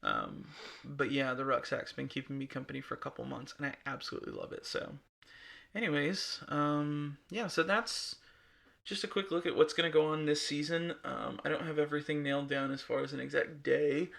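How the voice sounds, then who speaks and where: Young male podcast co-host, gravelly, bright tone, loose rambling chat. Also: a little high, fairly quick. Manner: rambling, relaxed, many fillers and restarts. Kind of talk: casual chat.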